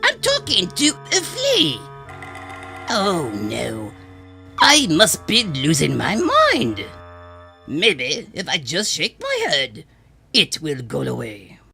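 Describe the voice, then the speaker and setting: A man's voice: on the high side, wildly swooping pitch, slow, vocal fry, pushed and bright, voice pushed up, full character voice. A man doing a flustered, stammering doctor. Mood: bewildered. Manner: stammering and bewildered. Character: flustered male doctor, easily baffled. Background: background music.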